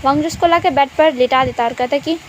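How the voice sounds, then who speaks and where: A woman reading a fan-fiction story aloud in a plain, steady telling voice. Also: high voice, fast talker, slight background noise, low-quality recording. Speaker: story reader.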